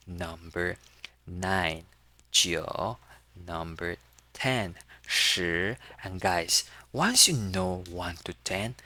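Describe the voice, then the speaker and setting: A man's voice: low-pitched, gravelly, pushed and bright, no echo. A man giving a casual lesson, patiently demonstrating and repeating sounds for learners to copy. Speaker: language tutor. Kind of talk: casual teaching walkthrough.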